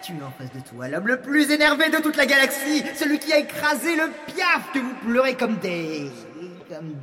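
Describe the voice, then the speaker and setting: An actor playing a gloating, hot-tempered galactic villain in a comic audio drama, declaiming like a hammy stage actor. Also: male voice, extremely high pitch, very animated, moderate pace. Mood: enraged, boastful. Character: gloating, irascible galactic villain, self-proclaimed emperor of evil. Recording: long reverb over music and crowd.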